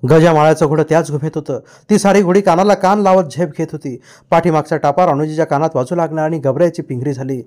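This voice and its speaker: A man's voice: a little high, fast talker, darkish tone. A man reading a novel aloud as an audiobook, narrating with vivid storytelling. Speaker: audiobook reader.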